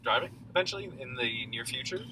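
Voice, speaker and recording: A man's voice: medium pitch, expressive, fast talker, pushed and bright, far from the mic, slight background noise, low-quality recording. A young man hosting a casual podcast chat from inside a car while driving, chatty and laughing often. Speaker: podcast host. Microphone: camera held on the passenger's lap.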